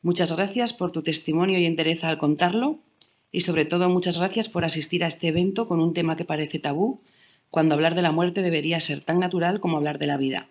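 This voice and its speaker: A woman's voice: deep voice, fairly quick. A woman moderates an online talk, relaying messages the audience chat.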